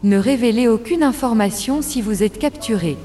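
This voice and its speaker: A woman's voice: on the high side, normal speed, warm tone, faint music behind. Half-robotic synthetic AI voice, as a woman voices it. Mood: instructive. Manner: announces rules in a clipped, formal list. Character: synthetic female simulation AI voice, flat and formal. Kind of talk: audiobook drama voice.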